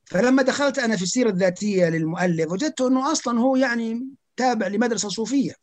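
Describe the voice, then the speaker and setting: A man's voice: very high-pitched, very fast, a little hiss or hum. A man, speaking as an academic guest on a podcast, arguing emphatically with rhetorical questions and stumbling restarts. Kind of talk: podcast conversation.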